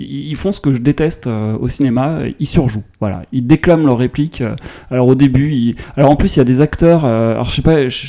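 A man co-hosting a casual film review chat, blunt and opinionated, often pausing with fillers. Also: medium pitch, dark tone. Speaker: film podcast co-host.

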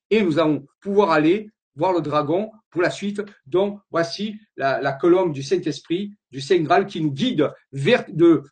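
A man with a voice that sits high gives an earnest lecture over slides. He wanders from one point to another and often repeats his words while searching for the right ones.

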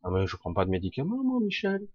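A man with a husky, raspy voice speaks informally and emphatically to an audience, using rhetorical questions and coarse slang in an opinionated monologue. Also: a little high, wildly swooping pitch, fast talker, no echo. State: throat scratchy with occasional coughing. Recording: dull, lo-fi close recording.

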